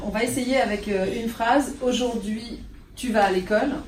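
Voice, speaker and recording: Recorded from afar in a spacious classroom with a little background noise, a woman gives a French lesson. She is patient and keeps checking on her students, speaking at a moderate pace in a rather high voice.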